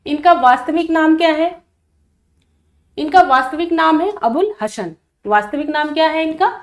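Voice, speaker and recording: A woman's voice: high voice, normal speed. A woman teaching an online exam-prep lesson, asking questions aloud and repeating key answers with stress for her students. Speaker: Hindi teacher for exam preparation.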